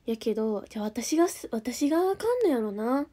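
A woman's voice: a little high, expressive, fairly quick, warm tone. Chatty young woman with a Kansai accent. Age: young adult. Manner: chatty, reads viewer comments aloud and answers them. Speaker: idol group member streaming live. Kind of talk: casual livestream chat.

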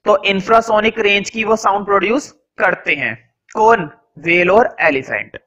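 A young man teaching a class, dictating notes slowly and repeating each phrase, mixing Hindi and English and answering his own questions. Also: sits high, bright, forceful tone, dull audio.

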